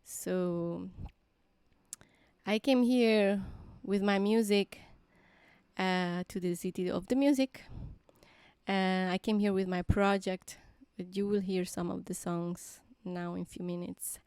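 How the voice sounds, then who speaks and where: Spanish-accented woman, smooth dry voice. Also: medium pitch, steady tone, a little mellow, no echo. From Granada, southern Spain. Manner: halting, restarts often, filler-heavy. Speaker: singer-songwriter hosting a live stream. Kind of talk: casual live-stream chat.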